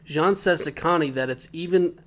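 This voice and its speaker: A man's voice: fairly high pitch, normal speed. A man co-hosting a podcast, recapping an episode from his notes in a casual, joking way and laughing often. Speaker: podcast co-host.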